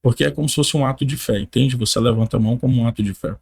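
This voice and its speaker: Young guy w telling his testimony on a podcast, lively, keeps saying cara and laughing. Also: medium pitch, racing, creaky, breathy edge. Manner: animated storyteller, calls listener "cara", laughs often. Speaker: podcast guest. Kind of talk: personal testimony storytelling.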